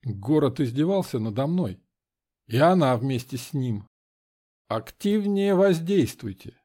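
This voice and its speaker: A man reading a first-person audiobook in a measured, dramatic way. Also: medium pitch, animated, mellow, husky. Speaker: audiobook narrator.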